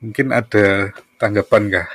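Low-voiced man asking tentative questions. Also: fairly even intonation, normal speed, fairly bright tone, no echo. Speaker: moderator of a live stream. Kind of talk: casual question to panel.

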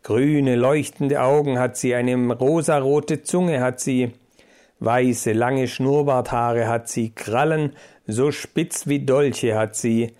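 A man's voice: medium pitch, fairly even intonation, slow pace, a little mellow, close to an everyday voice. A man voicing a domineering male mouse boss who speaks in a sugary, coaxing voice. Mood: sugary rousing.

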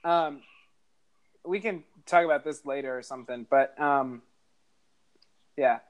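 A man with a mid-range voice co-hosts a casual podcast over a call, speaking at a measured pace. He tells stories in a rambling, hesitant way with lots of fillers, and the highs in his audio are cut off.

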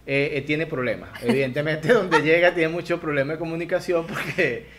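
A man's voice: on the high side, fairly even intonation, brisk, fairly bright tone. A man from Venezuela with a Lara-region Venezuelan accent, a stand-up comedian chatting as a guest in an interview. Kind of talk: casual interview chat.

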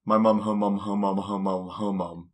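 Young male co-host, deadpan and teasing, a bit low in pitch. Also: normal speed. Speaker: podcast co-host. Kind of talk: casual comedic chat.

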